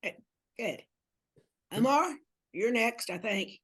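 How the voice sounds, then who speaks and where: Husky-voiced woman chairing a call. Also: on the high side, slow. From North Carolina. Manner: relaxed, laughing, trails off into fillers. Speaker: committee co-chair, elected official. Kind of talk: chairing a video-call meeting. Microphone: video call.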